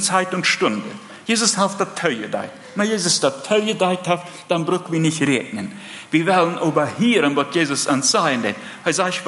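A man preaching, his voice sitting a little high for a man. He speaks earnestly and haltingly, restarting phrases as he goes. Long hall reverb trails after each line. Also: a bit bright. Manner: earnest, halting delivery with many broken-off phrases. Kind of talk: sermon.

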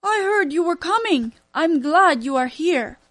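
A woman voicing a strong, kind old grandfather who tells his grandson stories, in a warm, steady storytelling manner. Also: very high-pitched, a little slow, pitched above the performer's own voice, exaggerated voice. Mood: welcoming.

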